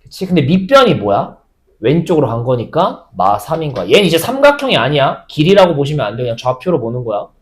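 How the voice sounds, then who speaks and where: A man teaching a high school math lesson, often asking the class questions and then answering them himself. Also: big pitch swings, fast, slight background noise.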